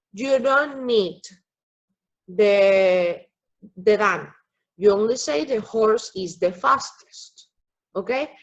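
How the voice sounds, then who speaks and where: A woman teaches English grammar over an online class, speaking slowly and patiently. Her voice is husky and slightly high, and the audio is dull and lo-fi from a computer mic. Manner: slow, patient explaining with frequent "okay?" checks. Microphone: computer mic on a video call.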